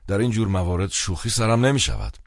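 A man's voice: lowish voice, sing-song, vocal fry, no echo, studio quality, voice pushed up. Man voicing a blunt weary clown. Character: blunt, weary adult male clown on the phone.

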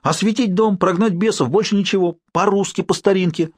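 A man's voice: sits high, a little fast, no room sound, studio quality, voice pushed up. A male narrator voicing a fussy, superstitious older caretaker who pleads in a folksy way. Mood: insistent. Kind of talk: audiobook character voice.

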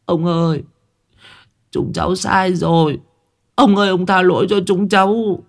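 A man's voice: high voice, level tone, a little slow, voice pushed up. A man doing small frightened boys pleading. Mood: whimpering. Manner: whimpering, pleading. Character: frightened village boys begging forgiveness.

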